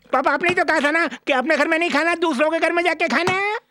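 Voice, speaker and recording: A man dubbing a silly, greedy young man who clowns and whines in a shrill voice. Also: normal speed, sharp tone, dry recording, studio quality. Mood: whiny. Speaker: dubbing actor.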